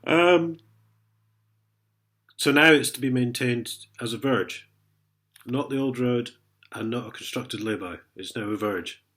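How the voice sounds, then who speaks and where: A sniffly vlogger with a head cold delivers a casual, sarcastic rant, laughing as he reads out letters. He talks a little slowly with long pauses, in a medium-pitched, slightly bright voice.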